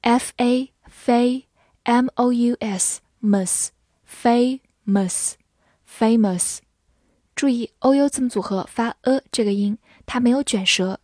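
A young woman teaching English vocabulary in a recorded lesson, spelling words out letter by letter and reading example sentences slowly and deliberately. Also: medium pitch, darkish tone, no room sound, studio quality.

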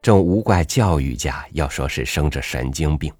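A man narrating a literary story in a measured, reflective reading. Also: extremely low pitch, animated, darkish tone, no echo, studio quality, soft background music.

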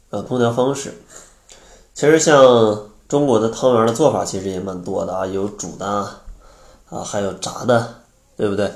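A man's voice: lowish voice, a little mellow. A man hosts an explanatory health advice show as a weight-loss coach, repeating key phrases for emphasis. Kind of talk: explanatory advice talk to listeners. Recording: roomy, echoing sound.

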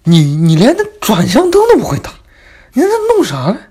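A man's voice: high-pitched, wildly swooping pitch, a little fast, mellow, breathy edge, voice pushed up, full character voice. A man doing a harsh nagging driving instructor. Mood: scolding. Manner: nagging, scolding questions.

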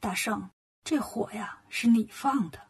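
A woman voicing a gentle old male earth god in a storybook, who speaks slowly and coaxingly. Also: slightly rough. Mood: confiding. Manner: slow, coaxing, lowered voice.

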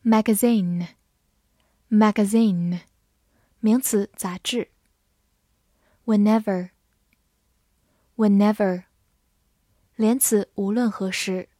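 A woman teaching English vocabulary in a scripted lesson. She says each English word twice, clearly, then explains it. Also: medium pitch, fairly even intonation, very slow, long pauses, warm tone, no echo, clean studio sound.

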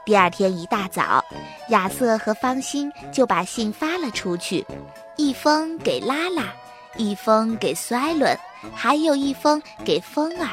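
A woman narrating a children's storybook in an expressive, storytelling way. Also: a little high, measured pace, faint music behind.

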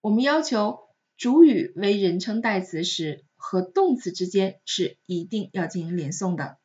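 A woman in a recorded language lesson teaches French pronunciation with patient, step-by-step explanations. Her voice sits at a middle pitch, and she slows down to repeat example words clearly. The recording sounds a little dull and lo-fi. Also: animated, a little mellow.

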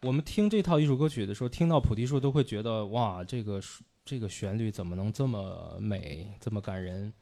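Male music commentator, gravelly, mellow tone, explanatory with hesitations. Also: on the low side, a little fast, few pauses. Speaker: music commentator co-hosting a livestream. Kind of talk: livestream music talk.

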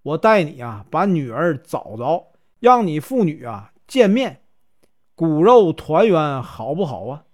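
A ragged, cheeky monk who jokes and needles, his voice leaping high and swooping through a wide range, as a male storyteller with a Northeastern Mandarin accent puts him on. The teasing comes with a mocking lilt, like a prankster playing the fool in a spoken folk tale. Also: sing-song, unhurried. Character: scruffy, playful, teasing old monk.

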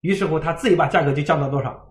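A man giving a livestream parenting lecture, telling stories in a lively way and acting out the dialogue. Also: a little high, very fast, echoey room. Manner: lively storytelling, acts out dialogue.

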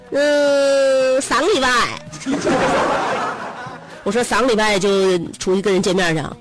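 A woman's voice: sits high, slow, long pauses, music in the background. A woman radio host with a Northeastern Mandarin accent, chatty and teasing, telling a story with frequent laughs.

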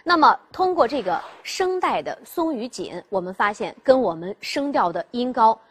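Woman, pronunciation teacher, fairly high voice, lively and animated, husky, explains step by step. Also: moderate pace. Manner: explains step by step with rhetorical questions; demonstrates sounds by voicing them. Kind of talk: classroom instruction.

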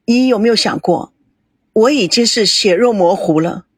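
Woman doing a heartbroken young woman, low, sad and bitter, husky, dry close sound. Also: animated, moderate pace, no echo. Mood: sorrowful.

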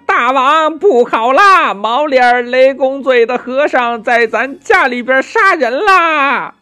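A man's voice: extremely high pitch, lively intonation, takes it slowly, bright, forceful tone, pitched above the performer's own voice, full character voice. A man voicing a panicky little demon minion who wails shrilly in a children's storybook reading. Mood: panicked.

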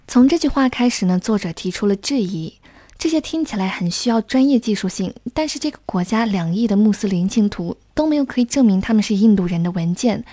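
Mellow-voiced woman tutoring English reading. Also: mid-range voice, dry recording, clean studio sound. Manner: careful, reads English passages aloud slowly. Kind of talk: explanatory close-reading lesson.

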